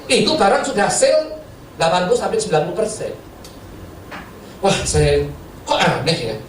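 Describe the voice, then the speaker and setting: A man's voice: high voice, big pitch swings, moderate pace, far from the mic. A male pastor preaching a sermon, telling a funny story, laughing often and acting out the dialogue. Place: church hall. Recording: roomy hall, mic from afar, faint noise.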